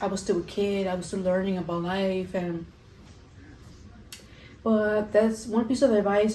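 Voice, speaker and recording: In an echoey, roomy home kitchen with faint background noise, a young woman eats on camera and rambles through a mukbang Q&A. Her soft, mellow voice sits at medium pitch, and she says "like" frequently in this casual chat.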